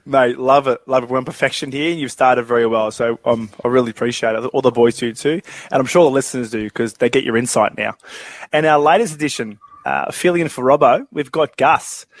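A man's voice: medium pitch, fairly quick, no echo. A man hosting a casual sports podcast, laid-back, with lots of fillers and laughter. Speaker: podcast host.

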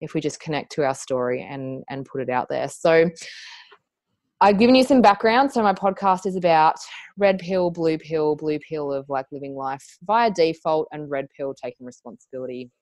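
A woman's voice: deep voice, animated, moderate pace, a little mellow, no echo. An Australian woman in her thirties hosting a podcast, chatty and upbeat, introducing her guest with a few fillers and self-corrections. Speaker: podcast host.

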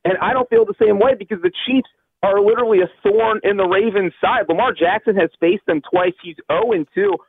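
A man from Cincinnati calling in over the phone as a guest analyst on a sports radio show, talking fast and sure of himself with plenty of fillers. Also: high voice, slightly rough, dry recording. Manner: quick, confident, thinks aloud with fillers. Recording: tinny phone line.

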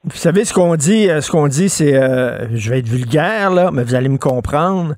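A Québécois man hosts a radio talk show in a folksy, unhurried way, with many fillers. His voice sits a little high. The studio sound is close and dry. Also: lively intonation, a little mellow, no room sound. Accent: Québécois French. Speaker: radio host.

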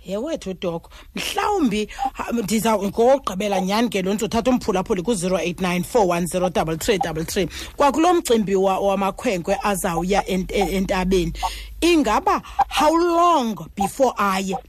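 A woman's voice: medium pitch, animated, fairly quick, hardly any pauses, darkish tone, no echo. South African woman hosting a radio phone-in. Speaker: radio host. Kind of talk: phone-in health talk.

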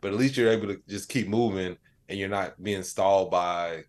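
An American man with a deep voice appears as a guest on a podcast, chatting casually at a moderate pace. An AI educator and comedian, he tells animated stories, acts out quoted dialogue, and fills his talk with "like" and "you know."

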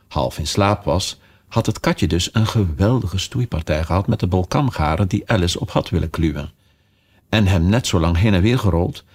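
A man reading a storybook aloud in a measured, expressive narration. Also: deep voice, breathy edge. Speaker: audiobook narrator.

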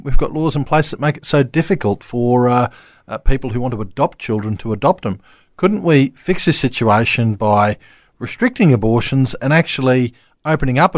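A man's voice: mid-range voice, dry recording. Man, Australian accent, radio co-host, conversational commentary, dry studio sound.

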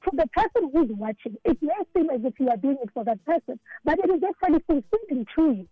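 A woman's voice: high-pitched, animated, fast, no room sound, narrow, tinny audio. A South African woman, an author being interviewed on the radio, talking earnestly and often repeating words as she thinks. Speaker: author and guest.

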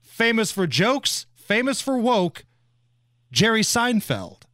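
A man's voice: high-pitched, sing-song, slow, pushed and bright, no echo, clean studio sound. A man hosting a radio show, delivering a punchy contest promo in announcer fashion. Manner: punchy, announcing a ticket giveaway and phone number.

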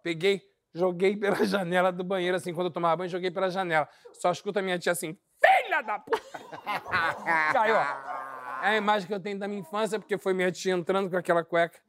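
A man's voice: high voice, level tone, rapid-fire, hardly any pauses, noisy background. A man animatedly telling a funny childhood story in a casual group chat, laughing as he goes. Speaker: guest.

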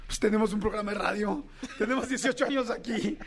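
High-voiced, excitable Mexican radio host. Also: male voice. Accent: Mexican Spanish. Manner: enthusiastic, quick reactions, exclamations. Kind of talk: casual radio chat.

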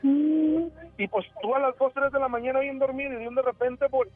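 A man's voice: very high voice, fairly even intonation. Man rambling over a tinny phone. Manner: rambling, halting storyteller with many restarts. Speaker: radio caller. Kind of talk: telling a ghost story on a call-in show. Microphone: telephone. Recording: tinny phone line with faint music.

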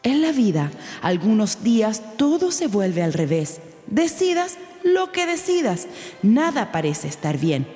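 A woman voicing a wise, calm bat-dinosaur who gives gentle advice in a low, slow, soothing way. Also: in a large hall, soft background music.

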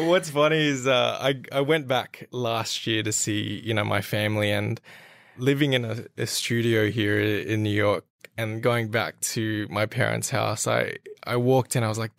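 Gravelly man from Australia. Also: fairly low pitch, steady tone, moderate pace, fairly bright tone, dry recording, clean studio sound. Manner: hesitant, with fillers and restarts. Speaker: guest, custom suit business owner. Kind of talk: casual interview chat.

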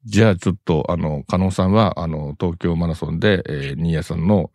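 A man's voice: deep voice, fairly quick, darkish tone, dry recording. A man hosting a casual radio talk show in a studio, rambling along with chuckles and many filler sounds.

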